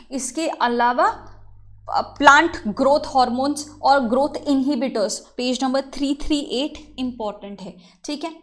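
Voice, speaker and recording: A woman, giving a brisk, chatty exam revision lesson and switching between Hindi and English. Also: high-pitched. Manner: brisk, chatty, mixes Hindi and English, fillers like theek hai. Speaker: exam prep teacher.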